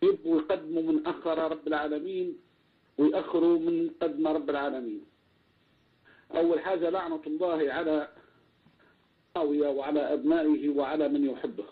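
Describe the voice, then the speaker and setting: A man from Libya with a Libyan Arabic accent, calling into a radio show by phone, effusive and halting. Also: on the high side, steady tone. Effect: phone call into a radio show. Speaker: caller. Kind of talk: call-in praise. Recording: tinny phone line.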